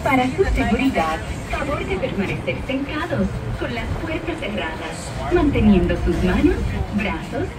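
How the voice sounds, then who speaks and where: A woman giving polite, formal safety announcements over an outdoor loudspeaker on a parking tram. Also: a little high, sing-song, moderate pace, long pauses. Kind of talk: pre-recorded safety announcement. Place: open-air parking tram. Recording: distant loudspeaker over loud noise.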